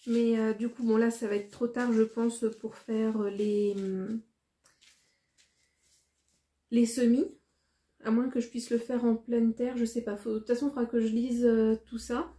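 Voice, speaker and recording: A woman from France vlogging casually as she unboxes a parcel, talking in a hesitant, rambling way with frequent pauses. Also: a little high, little pitch movement, dark tone.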